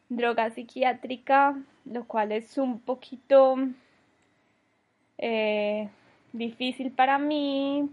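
A woman gives an emotional personal testimony at an unhurried, drawn-out pace. Her voice sits a little high, and she pauses often with soft hesitations as she reflects. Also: narrow, tinny audio. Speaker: personal storyteller.

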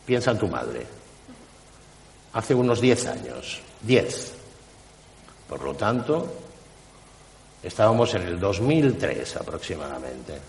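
A man leading a guided hypnosis session, slowly and insistently questioning someone about a memory. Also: low voice, sing-song, vocal fry, darkish tone, roomy sound, long reverb tail, slight background noise.

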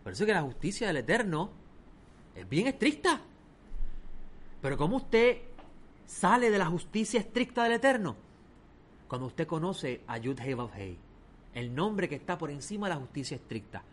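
A man preaching a sermon, telling stories with lively swings between loud emphasis and quiet asides. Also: on the high side, normal speed, long pauses, slight background noise.

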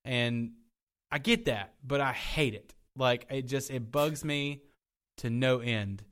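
Podcast co-host, male, mid-range voice, animated and rambling with restarts. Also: medium pitch, takes it slowly. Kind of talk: casual chat.

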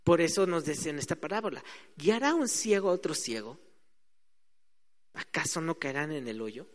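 Man, sermon, conversational, high voice, echoing hall. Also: expressive, normal speed. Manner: conversational, acts out little quoted voices. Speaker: preacher. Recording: hall reverb.

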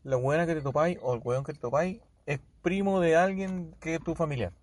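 Young chilean guy rattling off a story real fast, full of slang, voice on the higher side. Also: darkish tone, no room sound. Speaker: podcast co-host. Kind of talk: casual chat.

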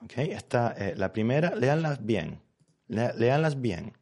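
A man's voice: mid-range voice, very animated, a little slow, creaky, darkish tone. A man teaching a live online language lesson, patient and explanatory, who checks often that his students follow. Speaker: Spanish teacher.

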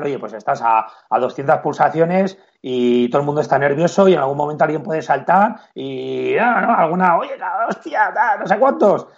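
A man's voice: a little high, lo-fi sound. A man from Spain with a Navarrese accent, a football referee talking casually in an interview and acting out exchanges with players. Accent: Navarrese Spanish. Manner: acts out player exchanges in animated quoted voices.

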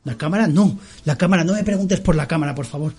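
A man plays a frightened captive in a tabletop game, begging desperately for mercy. His voice sits fairly high and strains with fear. The pleading never lets up. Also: quick pace, a little mellow, husky.

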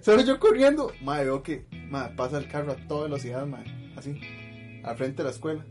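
A man with a Costa Rican accent telling a story in casual chat, lively and full of slang fillers, often laughing. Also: medium pitch, brisk, faint music behind. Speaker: podcast host telling a story.

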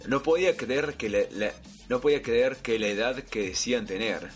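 A man's voice: medium pitch, moderate pace, faint music behind. A young man with a Rioplatense accent, co-hosting a comedy podcast. He reads clumsy fan fiction aloud with mock earnestness and trips over the awkward phrasing. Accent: Rioplatense Spanish. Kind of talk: comedic dramatic reading.

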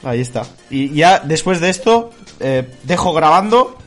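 A man's voice: fairly high pitch, animated, moderate pace, faint music behind. A man hosting a podcast, chatting casually and making self-deprecating jokes. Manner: joking, self-deprecating banter. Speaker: podcast host. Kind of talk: casual chat.

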